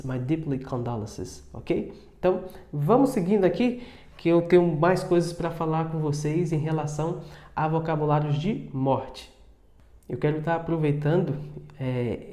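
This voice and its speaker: Male online teacher, warm mellow voice, casual and chatty, echoey room. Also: on the high side. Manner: chatty, repeats words slowly with many tags like tá and né. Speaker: English teacher. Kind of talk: casual video lesson.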